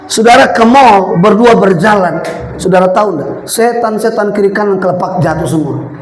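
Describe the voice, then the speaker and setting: A middle-aged male pastor preaching animatedly, shouting out his points and then dropping into storytelling. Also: sits high, normal speed. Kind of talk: sermon. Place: church sanctuary. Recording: echoey church hall with faint ambience.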